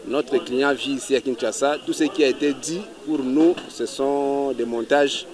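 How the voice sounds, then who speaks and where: Lawyer firmly arguing to the press. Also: male voice, medium pitch, steady tone, unhurried, crowd noise. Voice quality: firm, argumentative. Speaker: defense lawyer. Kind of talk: statement to the press.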